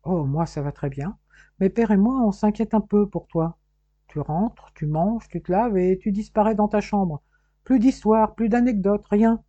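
A woman's voice: mid-range voice, a little slow, dark tone, dry recording, voice pushed up, natural voice. A woman reading the part of a playful young man teasing his brother with pushy questions. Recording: dull, muffled dry recording.

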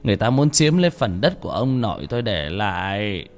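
A man reading a horror story aloud, with dramatic shifts of pitch for tension. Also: sing-song, brisk. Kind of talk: scripted horror story narration.

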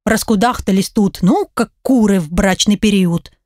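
A woman's voice: mid-range voice, normal speed, a little mellow, dry recording, studio quality, natural voice. A woman reading an audiobook, voicing a grumpy, bossy old cleaning woman who scolds the girls around her. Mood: scolding.

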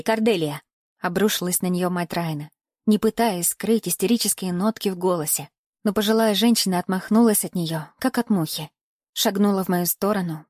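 A woman reads a mystical thriller in the first person, with a measured and even delivery. Her pitch is mid-range for a woman, and the recording is dry and close with no room sound. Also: no echo. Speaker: audiobook narrator. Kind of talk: scripted first-person narration.

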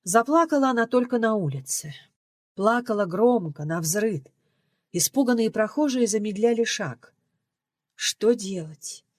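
A woman reading a novel aloud as audiobook narrator, in a measured storytelling delivery. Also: a little high, animated, a little mellow, no room sound. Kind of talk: scripted narration. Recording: dry close recording.

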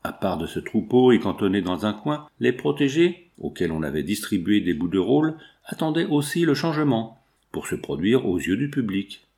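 A man reading a classic novel aloud in a measured, even storytelling manner. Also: fairly low pitch. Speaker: audiobook reader.

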